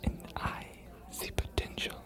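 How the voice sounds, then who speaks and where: Speaking naturally, a woman plays a scholarly vampire archivist from ages past in fantasy ASMR roleplay, keeping her voice low and deliberate with long, weighty pauses. She comes across as cryptic and inviting, mysterious yet encouraging.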